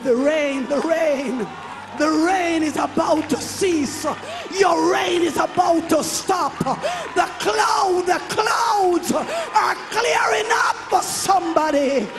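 A man with an extremely high pitch and vocal fry preaches and prays in a fervent, declamatory charismatic style, repeating phrases for emphasis. It's a live worship service, with music and the congregation audible in the background.

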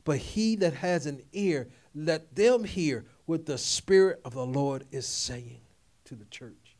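A middle-aged man delivers a sermon in a notably high voice. He preaches in emphatic, repeated phrases and keeps calling out questions to his listeners. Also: lively intonation, slow, darkish tone. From Philadelphia area. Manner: call-and-response preaching, repetitive and emphatic. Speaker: pastor.

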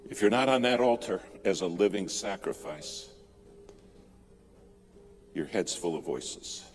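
A man preaching a sermon, telling a dramatic story and driving points home by repeating key words and slowing down. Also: deep voice, expressive, long reverb tail.

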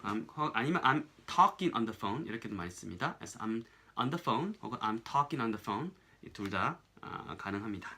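A man teaching an English lesson in a casual, chatty way, often checking "right?" and saying English lines slowly as examples. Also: medium pitch, lively intonation, sharp tone, husky.

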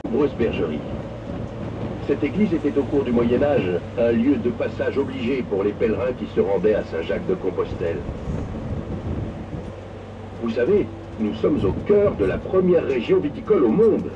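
A man playing a proud older miner and winemaker guiding visitors, telling the story with lively, swooping intonation. He is heard through a dull loudspeaker from some distance away, with loud engine noise all around. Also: medium pitch, moderate pace, long pauses, close to an everyday voice. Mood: enthusiastic. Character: older male former miner and winemaker, proud local guide. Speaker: audio guide narrator. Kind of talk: scripted narration. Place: open tourist train outdoors. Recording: muffled loudspeaker on a moving tourist train, heard from afar with loud engine noise.

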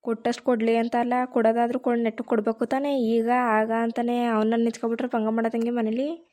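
A woman's voice: a little high, level tone, fast, mellow. Complaining village woman in a comic skit. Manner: scolding, complaining village talk. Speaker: comic actor playing a village wife.

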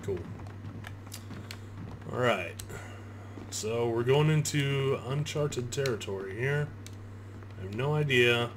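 A thirty-year-old man, a gamer and video host, gives casual gameplay commentary in a mid-range voice, speaking slowly with frequent pauses. He swears, gripes and pokes fun at himself. The recording is clear, with horror video game sound playing behind him.

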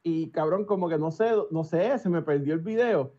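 Animated man, storytelling. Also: fairly high pitch, moderate pace, muffled recording. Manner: profane, animated, switches into English. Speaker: podcast guest. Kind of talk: casual storytelling chat.

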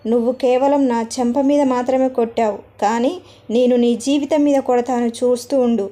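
A vengeful, spiteful young woman in a storybook tale, voiced by a woman narrator. She threatens in a high, mellow voice. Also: fairly even intonation, normal speed, close to an everyday voice.

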